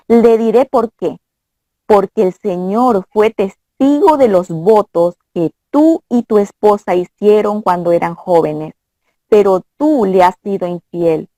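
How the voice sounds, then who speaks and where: A woman of middle pitch talks earnestly through Bible passages, as if teaching a friend across the table. The sound is dry and close, with no room around it. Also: darkish tone, dry recording. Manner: earnest, quotes scripture, mimics voices.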